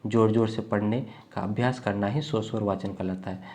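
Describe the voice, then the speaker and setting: A man from the teaches an exam-prep lecture while unwell. He explains slowly and repeats himself, often checking in with "thik hai". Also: on the low side, fairly even intonation, darkish tone. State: unwell, coughing.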